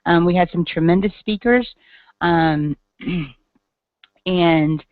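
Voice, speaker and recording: A woman's voice: on the low side, very slow, no echo. Woman, Tennessee accent, earnest chatty presenter, dry close sound, thin phone-like audio. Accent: Tennessee Southern US. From Tennessee, USA. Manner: chatty, earnest, frequent ums. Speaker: guest speaker. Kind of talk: online business presentation. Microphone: video call. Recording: tinny dry call audio.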